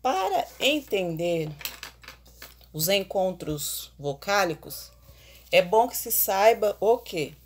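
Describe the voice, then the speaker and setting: A woman teacher giving an online grammar lesson, explaining slowly and putting questions to the class. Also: mid-range voice, sing-song, slightly rough.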